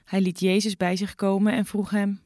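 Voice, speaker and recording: A woman narrating a dramatized scripture reading in a measured, clear way. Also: medium pitch, level tone, mellow, dry recording, studio quality. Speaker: scripture reader.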